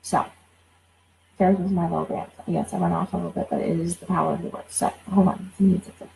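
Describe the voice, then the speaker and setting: A woman's voice: lowish voice, level tone, fast talker, vocal fry, darkish tone, a little hiss or hum, low-quality recording. A woman in her forties, a life coach, talking casually and bluntly, swearing and repeating herself as she gets going. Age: 40s. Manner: blunt, swears, repeats words when fired up. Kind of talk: casual livestream talk.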